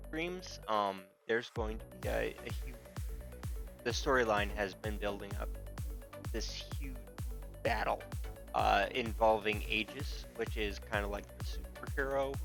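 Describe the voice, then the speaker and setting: Gravelly man chatting on stream. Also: lowish voice, fairly bright tone. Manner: rambling, loose with fillers. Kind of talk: casual stream chat.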